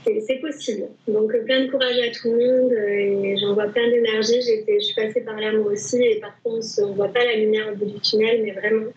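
A woman's voice: fairly high pitch, level tone, fairly quick, few pauses, darkish tone. A woman guest, a baby sleep consultant, in a casual live conversation, chatty and encouraging, often repeating words. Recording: muffled lo-fi live stream audio.

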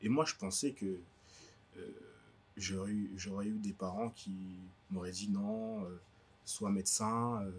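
A young man from Guadeloupe speaks in a deep, slightly husky voice. He answers interview questions casually, hesitating often and restarting his sentences. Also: fairly even intonation, measured pace. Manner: hesitant, full of fillers and restarts. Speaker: DJ guest. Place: indoor cultural space in a bookstore.

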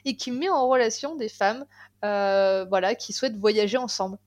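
A woman's voice: medium pitch, normal speed. Young woman podcast guest, chatty and enthusiastic, restarts often. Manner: enthusiastic, many fillers and restarts. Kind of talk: casual podcast chat.

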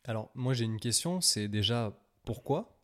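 A man's voice: mid-range voice, lively intonation, measured pace, a bit bright. A man interviewing a traveler, asking informal questions in a casual way. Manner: informal, uses the familiar 'tu'.

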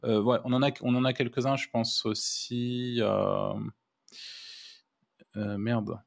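A man's voice: medium pitch, level tone, slow, gravelly. A man co-hosting a podcast, chatting casually and rambling with many restarts and fillers. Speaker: podcast co-host.

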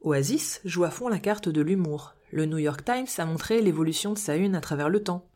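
A woman's voice: on the low side, moderate pace, darkish tone. A woman hosting a podcast, reading a scripted explainer with wry, playful asides. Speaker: podcast host.

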